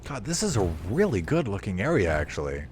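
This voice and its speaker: A man's voice: on the low side, sing-song, fairly quick, a little hiss or hum. A young man streaming a game, rambling casually, swearing freely and mocking himself as he plays. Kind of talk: casual gameplay commentary.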